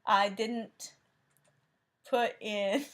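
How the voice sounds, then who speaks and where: Drawing out her words in a steady, fairly bright mid-range voice, a Tennessee woman with a thick Southern accent hosts a crafting vlog. She chats and rambles about her cross-stitch projects, with lots of fillers and self-corrections.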